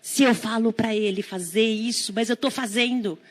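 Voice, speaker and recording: A middle-aged Brazilian woman giving a live lecture on parenting, lively and drawing the audience in with questions. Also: on the high side. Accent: Brazilian Portuguese. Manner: lively, engages the audience with questions and quick asides.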